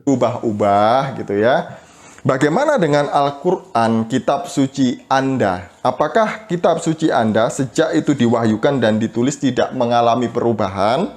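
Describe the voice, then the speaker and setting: Deliberate man posing questions. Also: medium pitch, a little mellow. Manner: deliberate, reads aloud from a book. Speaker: debate questioner. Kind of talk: measured questioning in a debate.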